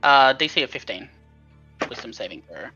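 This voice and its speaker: A man's voice: medium pitch, big pitch swings, moderate pace, bright, forceful tone. A man playing a tabletop game who explains the rules methodically. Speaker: player. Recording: dull sound, faint music.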